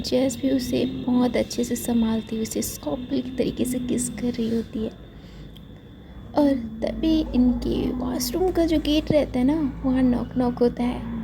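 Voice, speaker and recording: A woman's voice: fairly high pitch, gravelly, noisy background. A woman with an Indian accent casually narrating a romance story, repeating fillers as she goes. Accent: Hindi-speaking Indian. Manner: repetitive, filler-laden retelling.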